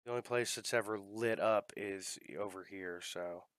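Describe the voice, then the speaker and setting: A man's voice: lowish voice, normal speed, fairly bright tone, dry recording. A man hosting a podcast, chatting casually while playing a game, swearing freely. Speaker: podcast host. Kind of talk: casual chat while gaming.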